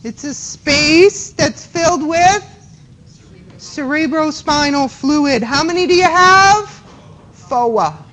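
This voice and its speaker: High-voiced Boston woman lecturing a class. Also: slow pace, fairly bright tone, rough recording. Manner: chatty, checks in with students by asking questions. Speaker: anatomy instructor.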